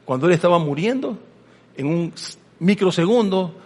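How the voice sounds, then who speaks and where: High-voiced pastor preaching. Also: male voice, normal speed. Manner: animated, swings between loud emphasis and hushed asides, acts out quoted parents; questions the congregation directly. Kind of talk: sermon. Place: church sanctuary. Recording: long reverb of a large church hall.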